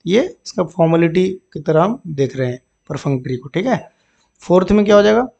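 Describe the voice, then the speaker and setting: A man's voice: a little high, lively intonation, gravelly, darkish tone, muffled recording. A man teaching English vocabulary for bank exams, explaining each word in Hindi and often asking "ठीक है ना" to check in. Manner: explains words in Hindi, repeats terms, frequent "ठीक है ना" check-ins; reads example sentences slowly and deliberately.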